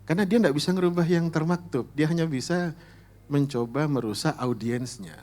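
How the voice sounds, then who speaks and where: A man's voice: fairly high pitch, normal speed, darkish tone. A man giving an emphatic, discursive religious talk at a public forum, dropping English terms into his lecture. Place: live forum event.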